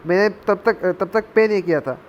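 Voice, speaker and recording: A young man with a high voice tells a story in a casual vlog, chatting along and mixing in English phrases. The audio is a little dull, with a faint hiss of noise behind him. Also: brisk. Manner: chatty, mixes in English and calls listeners "bhai". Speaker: gaming channel creator.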